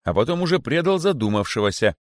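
Brief: affronted vain poet, played by a man, lively delivery, dry sound. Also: medium pitch, fast talker, no echo, pitched above the performer's own voice, lightly acted. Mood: indignant. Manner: indignant. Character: indignant, vain male poet. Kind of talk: audiobook character voice.

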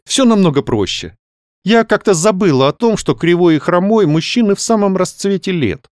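A man reading aloud, voicing a lively, excitable young woman novelist in a raised, animated voice. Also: high voice, moderate pace, no room sound, clean studio sound, voice pushed up. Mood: excited.

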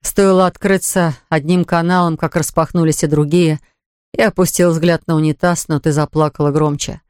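A man's voice: fairly high pitch, fairly even intonation, normal speed, clear, resonant tone, dry recording, studio quality. A man narrating an audiobook in the first person, reading evenly and voicing dialogue plainly. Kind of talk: scripted narration.

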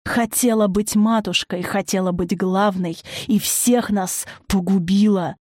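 A woman voicing a weak, tired old woman who speaks quietly and wheezes, in an audiobook. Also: medium pitch, fairly even intonation, a little slow, dry recording, clean studio sound, close to an everyday voice. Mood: weary.

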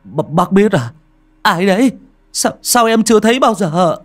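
A man doing a shrill panicky old man. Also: sing-song, mellow, soft background music. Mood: panicked. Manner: stammering, panicked, rushed.

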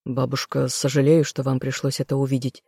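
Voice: medium pitch, flat delivery, a little fast, gravelly, dark tone, husky, dry recording, clean studio sound. A reader voicing a proud, protective elf nobleman in a fantasy audiobook. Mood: apologetic.

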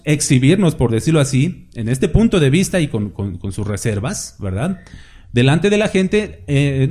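A man's voice: fairly high pitch, a little mellow. A man preaching a conversational sermon, asking rhetorical questions and mimicking hypocrites in mocking asides.

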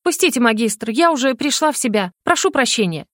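A high, flustered young mage woman, put on by a woman narrator, who panics at rats. She pleads and squeals in a storybook reading. The sound is dry and close. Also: expressive, fairly quick, fairly bright tone, dry recording. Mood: composed.

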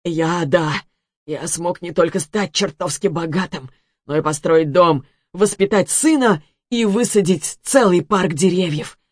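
A woman voicing a poisoned rich man who shouts and curses in a weak, wheezing voice. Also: measured pace, dry recording, studio quality. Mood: scornful boasting. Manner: shrill shouting, cursing.

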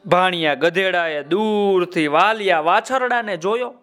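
A man telling a children's folk tale, lively and speaking straight to his listener. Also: high-pitched, a little slow, faint music behind. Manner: lively, addresses the listener directly. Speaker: storyteller.

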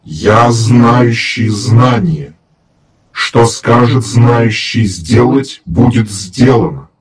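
An ancient forest spirit woman intones each word slowly and loudly, like a spell, as a man puts her on in an audiobook. The voice sounds strange and otherworldly, with a husky rasp. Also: mid-range voice, pitched above the performer's own voice, exaggerated voice. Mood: incantatory. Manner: slow, incantatory, looming.

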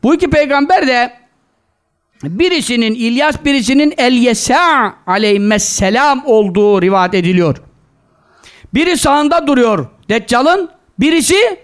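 A male preacher with a very high voice that leaps up and down, scolding his listeners and firing rhetorical questions at them. He works quoted Arabic scripture into his talk. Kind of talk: sermon to a live gathering.

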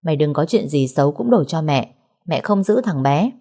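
A woman's voice: sits low, expressive, moderate pace, dark tone. A woman voicing a cold, haughty older mother-in-law in a story, speaking dismissively. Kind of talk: audiobook character reading.

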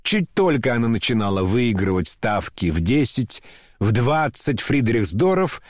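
A man's voice: mid-range voice, very animated, a little slow, no echo, studio quality. A man narrating a classic novel as an audiobook, telling the story with dramatic expression.

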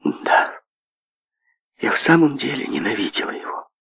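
A man reading an audiobook, raising his voice to play a willful, demanding young heiress who speaks with sharp emphasis. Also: medium pitch, animated, measured pace, pitched above the performer's own voice. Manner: demanding, emphatic, swinging to soft. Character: willful rich young woman, heiress, imperious. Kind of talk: audiobook character voice. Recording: dull lo-fi audio.

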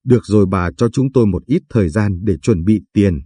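A man voicing a young father in an audio story, giving brisk, practical instructions. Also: on the low side, mellow, slightly rough, no room sound. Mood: urgent.

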